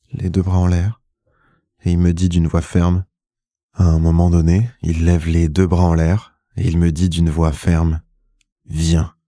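A man narrating an intimate first-person story slowly and in a hushed, measured way, close to the mic. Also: sits low, creaky, no echo. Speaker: podcast host and narrator.

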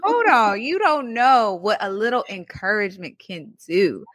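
A woman hosting a podcast, affirming her guest and asking follow-up questions in a supportive, animated way. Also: medium pitch, normal speed, no room sound. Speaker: podcast host. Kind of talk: casual interview chat.

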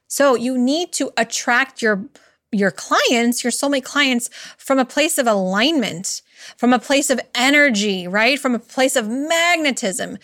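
A woman's voice: fairly high pitch, fairly bright tone, no echo, studio quality. Chatty, emphatic woman podcast host. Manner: chatty and emphatic, mimics voices in quoted asides. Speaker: podcast host and business coach. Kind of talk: casual solo podcast monologue.

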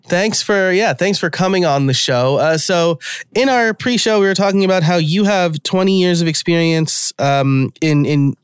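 New York man with a clear, dry voice. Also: high voice, normal speed, dry recording. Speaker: podcast host. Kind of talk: casual conversational podcast interview.

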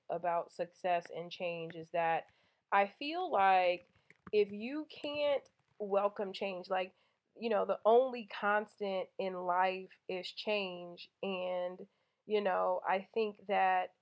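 A woman's voice: mid-range voice, slow, dull audio. A woman hosting a podcast, giving a candid, conversational motivational talk full of personal stories and fillers. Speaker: podcast host.

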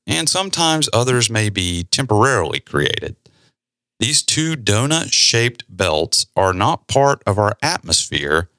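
A man hosting a podcast, explaining a topic in a relaxed, conversational way with side remarks. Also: deep voice, no echo, clean studio sound. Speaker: podcast host. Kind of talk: casual explanatory talk.

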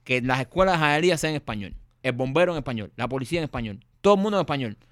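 Guy, fast and punchy, keeps hammering his point, dry studio sound. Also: mid-range voice, expressive, no room sound. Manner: emphatic, repeats his points, asks "¿entiendes?". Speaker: co-host playing a mock president. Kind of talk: comedic casual banter.

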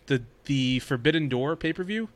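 A man's voice: on the high side, expressive, normal speed. A man hosting a podcast, casually talking through news in a rambling, conversational, storytelling way. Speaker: podcast host. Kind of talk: casual chat about wrestling news.

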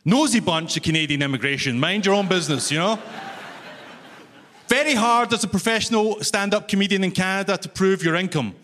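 On a concert hall stage, a stand-up from Glasgow in Scotland teases himself and talks with the audience, who laugh along. His Glaswegian-accented voice is high and a bit bright, with lively intonation and a fairly quick delivery. Live hall reverb and faint room noise are audible.

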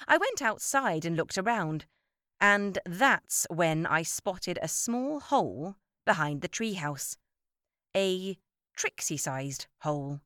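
Lively woman reading a children's story. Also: fairly low pitch, slow, no room sound, studio quality. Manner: expressive, lively read-aloud. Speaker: narrator.

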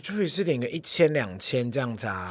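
A man's voice: mid-range voice, a little fast. A young man, co-hosting a podcast, telling a story in a casual chat and acting out the lines he quotes. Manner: animated storytelling, acts out quoted lines, laughs often. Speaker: podcast co-host.

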